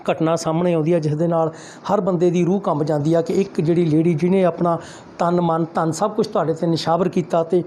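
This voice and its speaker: Halting man with a dark voice. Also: on the high side, steady tone, slight background noise. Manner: hesitant, many fillers and restarts. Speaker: news reporter. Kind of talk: news interview with commentary.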